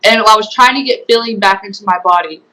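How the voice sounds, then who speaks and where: A woman's voice: medium pitch, fast, bright, forceful tone, poor audio. Earnest young woman recounting testimony. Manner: earnest, rambling retelling with many fillers. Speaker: guest, former program resident. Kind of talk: personal testimony.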